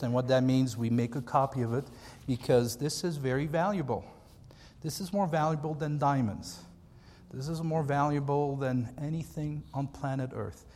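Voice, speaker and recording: A man's voice: mid-range voice, fairly even intonation, normal speed, darkish tone, a little hiss or hum. An American man, a pastor giving an informal training talk, conversational and given to repeating points for emphasis. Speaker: pastor, seminar speaker. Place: large hall, speaking to a group. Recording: echoey hall with long reverb.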